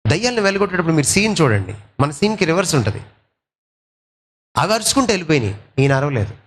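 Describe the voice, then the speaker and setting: A male pastor preaching a sermon, asking rhetorical questions, slipping English phrases into his talk, and swinging between loud and soft delivery. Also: high voice.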